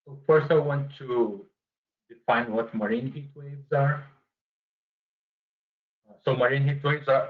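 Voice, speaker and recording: A man giving an academic seminar talk over a video call, his mic volume going up and down as he speaks, halting and repeating words as he explains. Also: mid-range voice. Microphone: computer mic over a video call. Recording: dull lo-fi video call audio.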